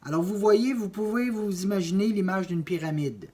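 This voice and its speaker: A man's voice: high voice, moderate pace, a little mellow. A man teaching a drum lesson, explaining note values step by step and counting beats aloud. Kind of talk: music lesson.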